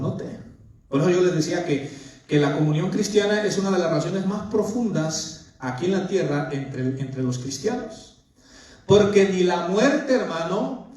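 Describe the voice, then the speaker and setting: Heard from a distant mic in a highly reverberant room, a pastor with a high-sitting, slightly mellow voice delivers his sermon earnestly. He keeps addressing people as "brother" and leans on lists and repetition to drive points home.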